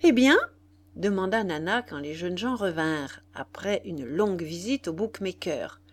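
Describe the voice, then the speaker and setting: A woman narrating a classic novel as an audiobook with an expressive, dramatic reading. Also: fairly low pitch, moderate pace. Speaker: audiobook reader.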